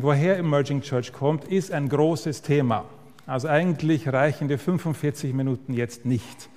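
A Swedish pastor in his fifties, with an Austrian-Swedish accent and a slightly high, somewhat mellow voice, gives a friendly lecture in a church hall. He talks directly to his listeners with the occasional hesitation, and the hall's reverberation is audible.

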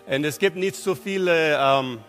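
A man preaching in short phrases with an English accent in his German, haltingly searching for words. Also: on the high side, a bit bright, soft background music. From born in Germany, later living in America. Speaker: guest preacher. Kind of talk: sermon delivered in short phrases for interpretation. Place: large reverberant hall. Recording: long hall reverb.

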